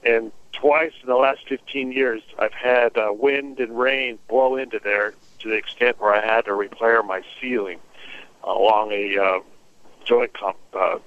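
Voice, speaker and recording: A man's voice: medium pitch, fairly even intonation, measured pace, no echo. A man calling in to a radio show about a home repair, speaking plainly with fillers. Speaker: caller. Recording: dull phone line.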